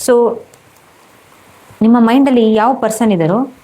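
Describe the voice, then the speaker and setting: A woman's voice: on the high side, unhurried, dark tone, low-quality recording. A woman giving a tarot reading to camera, rambling and repetitive, full of fillers and restarts. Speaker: tarot reader.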